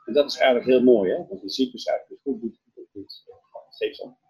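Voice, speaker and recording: A man preaching, retelling a Bible story with animated storytelling and acted-out dialogue. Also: medium pitch, a little fast, creaky, husky, dull audio. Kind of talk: Bible teaching, retelling scripture.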